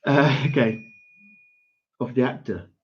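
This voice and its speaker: A young man hosting a pub quiz, reading each question slowly, repeating and spelling it out, chuckling and correcting himself as he goes. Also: mid-range voice, fairly even intonation. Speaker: quiz host. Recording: dull lo-fi stream audio.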